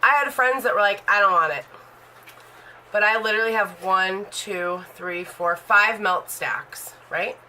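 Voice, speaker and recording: A woman's voice: mid-range voice, measured pace, few pauses, bright, forceful tone, a little hiss or hum, rough recording. A woman in her thirties talking casually in a vlog about her makeup collection, rambling and full of fillers. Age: 30s. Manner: rambling and chatty, heavy on fillers. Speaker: beauty vlogger.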